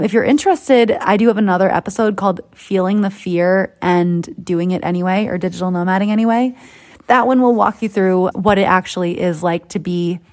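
A woman from Boston hosting a podcast as a coach, talking in a chatty, upbeat and persuasive way. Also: lowish voice. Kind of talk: motivational podcast monologue.

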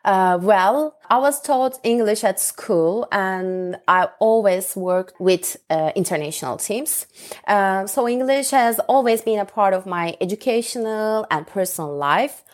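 A woman's voice: mid-range voice, lively intonation, unhurried. A woman in her thirties from Turkey, a Turkish native speaker, answering interview questions in English with a hesitant, filler-heavy manner. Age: 30s. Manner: hesitant, frequent "uh", laughs easily. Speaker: interview guest, English student. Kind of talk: casual interview chat.

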